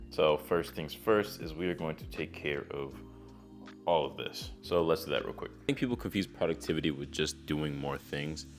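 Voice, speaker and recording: A young man narrates his vlog casually, laid-back and chatty and quick to use slang. His voice sits low, and his words come fast. Soft music plays faintly underneath. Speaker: vlogger.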